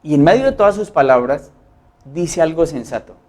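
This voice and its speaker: A man's voice: fairly high pitch, animated, moderate pace, a little mellow. A male pastor with a Colombian accent preaching a Sunday sermon, earnestly acting out the complaints and prayers he quotes. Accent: Colombian Spanish.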